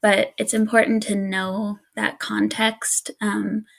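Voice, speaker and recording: A woman co-hosts a casual podcast and tells a spooky story in a relaxed, unhurried way. Her mid-pitched voice carries a gravelly vocal fry. She fills her talk with easy laughs and small fillers. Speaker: podcast co-host.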